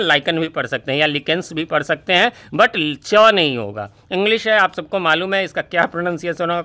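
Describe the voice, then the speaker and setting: A man teaching who explains a poem line by line, reading the words slowly, then asking and answering his own questions. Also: high-pitched, bright, forceful tone. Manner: explains slowly, reads English lines word by word. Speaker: English teacher.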